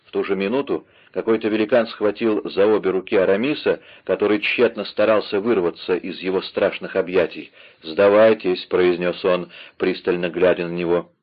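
A man narrating an adventure novel aloud in a dramatic, lively reading style, on a slightly dull recording. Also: low-pitched, a little fast, hardly any pauses. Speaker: audiobook narrator. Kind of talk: scripted narration.

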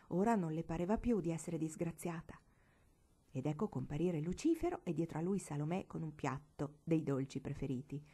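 A woman reads a novel aloud with expressive, lively storytelling in an audiobook narration. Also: fairly low pitch. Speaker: audiobook reader.

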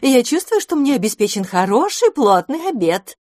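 A woman voicing a huge grey mother cat in a storybook, speaking in a drawn-out, insinuating way. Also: fairly high pitch, very animated, a little mellow, no room sound, studio quality, voice pushed up. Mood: sly.

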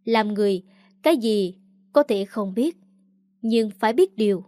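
A woman's voice: mid-range voice, animated, moderate pace, dark tone, no echo, lightly acted. A woman reading aloud the lines of a cold, contemptuous young man in a storybook narration. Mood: scornful. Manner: contemptuous, cutting.

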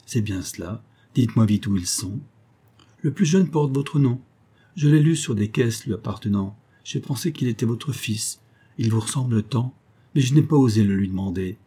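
A man reading the part of a weathered older boatman and former convict, low-voiced, humble and eager to serve. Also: normal speed, dark tone, breathy edge, lightly acted. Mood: earnest.

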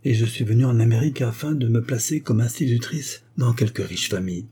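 A man reads the part of a young French governess, proud but hurt, speaking in a hesitant, pleading way. The voice stays dark and husky, set a little above the reader's own low register. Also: fairly quick. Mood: wounded pleading.

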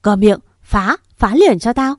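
A woman voicing a furious, domineering older mother-in-law who shouts harsh insults, in a storybook reading. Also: medium pitch, normal speed, dry recording, studio quality, close to an everyday voice.

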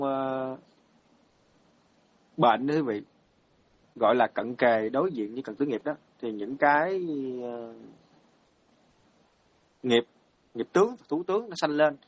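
A man's voice: mid-range voice, slow pace, long pauses, no room sound. A male Buddhist monk, telling a story in a dharma talk, hesitant with many fillers and repeated words.

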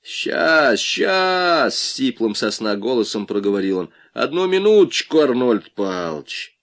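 A man's voice: mid-range voice, expressive, normal speed. A man voicing a flustered, grumpy man just out of bed, talking fussily in a raised voice in an audiobook. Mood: hurried.

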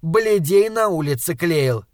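A man's voice: a little high, animated, measured pace, no echo, clean studio sound. A man voicing a furious, scornful young woman in an audiobook, screaming insults and sneering.

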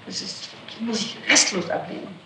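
Being questioned as the accused, a middle-aged woman responds in an animated, sharp-toned, mid-range voice at normal speed, emphatic, indignant, and defensive throughout. It was captured on an old tape that is echoey and noisy, with the mic placed far away.

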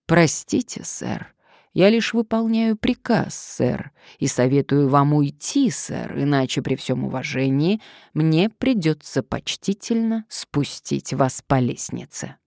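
A woman's voice: low voice, lively intonation, slow, vocal fry, darkish tone, no echo, clean studio sound, exaggerated voice. A woman voicing a stone-faced male butler with formal, unbending courtesy in an audiobook. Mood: coolly firm. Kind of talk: audiobook character reading.

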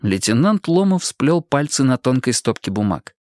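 A man narrating a crime novel as an audiobook reader in an expressive way. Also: medium pitch, moderate pace, no echo, clean studio sound. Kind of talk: scripted narration.

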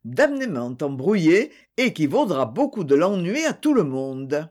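A plump, cheerful Englishman, voiced by a man reading aloud, chatters in jovial, clumsy turns of phrase. The voice sits high and swings widely, bright with goodwill, as in an audiobook. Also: big pitch swings, measured pace.

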